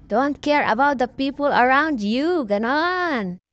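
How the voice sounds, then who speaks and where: Upbeat woman vlogger outdoors on a peak, fairly high voice, unhurried talk, dull lo-fi phone sound. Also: lively intonation, a bit bright, no room sound. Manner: bubbly, playful, addresses viewers as friends. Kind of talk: chatty hiking vlog.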